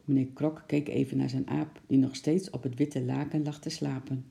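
A reader narrating a children's storybook aloud in a calm, even way. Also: mid-range voice, normal speed, creaky.

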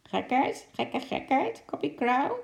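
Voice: very animated, takes it slowly, vocal fry, roomy sound, heavily acted. A reader voicing a cheeky male zoo parrot that screeches short repeated words in a storybook. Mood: squawking. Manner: shrill screeching repetition.

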